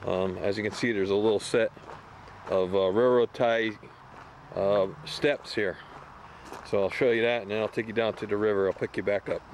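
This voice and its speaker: A man with a somewhat low voice narrates a walk along rocky trails, recorded on a handheld camera mic. He sounds relaxed and admiring as he points things out. Faint outdoor noise sits behind him. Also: moderate pace. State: out of breath while climbing. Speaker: hiker filming a trail tour. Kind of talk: casual narrated hiking vlog. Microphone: handheld camcorder mic.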